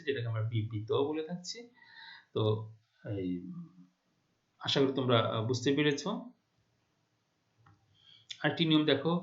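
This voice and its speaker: A man's voice: medium pitch, fairly bright tone, muffled recording. A man from Bangladesh, a Bengali teacher, giving a classroom lecture and often stopping to check that his students follow.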